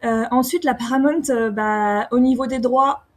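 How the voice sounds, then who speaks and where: A young woman from France answering interview questions casually, often pausing with fillers and restarting her sentences. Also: on the high side. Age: young adult. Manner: hesitant, many fillers and restarts. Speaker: singer-songwriter guest.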